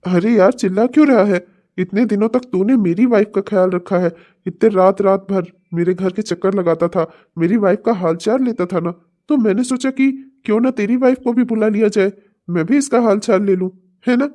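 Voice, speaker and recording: A sneering, taunting man in a cartoon comedy, as a woman voices him, pitched lower and dark in tone. He mocks with sly questions and then shouts in rage. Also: moderate pace, natural voice. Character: smug, taunting man getting revenge, later furious. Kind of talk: Hindi cartoon comedy voice acting.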